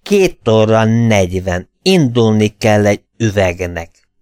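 A man voicing a drunken, muddled old Russian hut keeper with slow, slurred, dazed speech. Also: lowish voice, very animated, a little mellow, clean tone, dry recording, clean studio sound.

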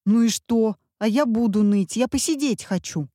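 A woman's voice: a little high, normal speed, mellow, no room sound, studio quality, pitched above the performer's own voice, natural voice. Woman doing a whiny little boy. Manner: whining, demanding. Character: whiny impatient little schoolboy.

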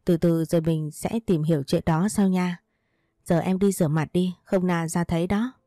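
A woman reading the lines of a caring husband in a soft, patient, soothing way. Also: fairly low pitch, steady tone, moderate pace, no echo, clean studio sound, close to an everyday voice. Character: gentle caring adult husband, man. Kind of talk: read storybook dialogue.

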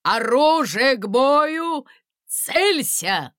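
A woman's voice: sits high, sing-song, extremely slow, bright, forceful tone, no room sound, studio quality, voice pushed up, heavily acted. A woman doing a blustering, barking guard chief. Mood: commanding. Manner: barking orders.

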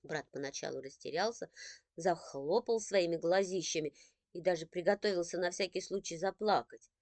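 A woman narrating a children's story as an audiobook, expressive and following the mood of the scenes. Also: on the low side, moderate pace, dry recording.

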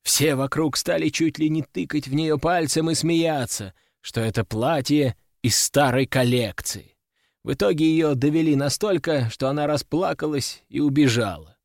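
A man reading a first-person novel aloud in an expressive storytelling manner. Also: a little high, moderate pace, vocal fry, no room sound, clean studio sound. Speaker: audiobook narrator. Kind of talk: first-person scripted narration.

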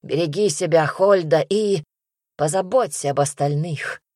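A woman's voice: sits low, a little slow, a little mellow, no room sound, studio quality. A woman voicing a male warrior who speaks in a growling, tense and urgent way.

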